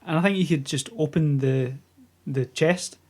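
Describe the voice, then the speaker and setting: A man's voice: fairly high pitch, normal speed, a little mellow. A man in a casual podcast chat, playfully joking along.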